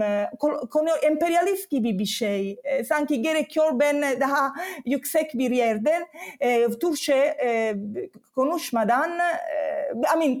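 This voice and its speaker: High-pitched foreign woman, halting broken Turkish. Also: darkish tone. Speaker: interview guest. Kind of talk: casual conversational interview.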